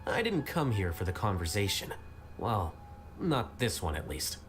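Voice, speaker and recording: A coolly sardonic male scholar from a video game. The voice is lowish, dry, formal and detached, with clear music playing behind it. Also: very animated, moderate pace. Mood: dry, aloof.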